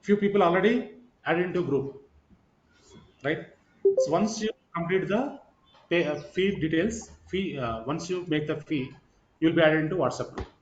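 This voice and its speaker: A man's voice: fairly high pitch, moderate pace. A man giving an informal online lecture as a course trainer, repeating himself and checking in with "right" and "okay". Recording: roomy echo, slightly muffled sound.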